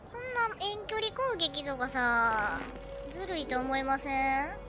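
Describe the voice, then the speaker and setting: Very high-pitched Kansai woman gamer. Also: unhurried. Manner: excitable, chatty running commentary with jokes. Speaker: game streamer. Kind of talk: let's play commentary. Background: loud game music and sounds.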